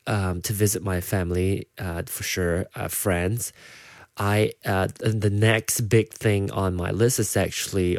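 A deep, low, creaky-voiced podcast host with a Malaysian English accent that is partly American rambles through a casual solo chat, leaning heavily on fillers and restarts. The sound is close and dry.

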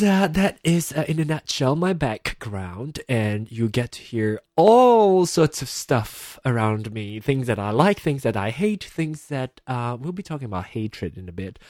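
A man's voice: mid-range voice, no room sound, studio quality. A man in his thirties from Malaysia hosting a casual solo podcast from a home computer, rambling and giggly with many fillers. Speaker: podcast host.

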